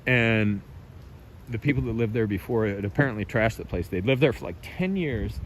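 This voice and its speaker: A man's voice: fairly low pitch, normal speed. An American man hosting a casual, rambling live vlog outdoors on a residential street, talking in a blunt, offhand, profane way. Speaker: livestream host. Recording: loud wind and outdoor rustle.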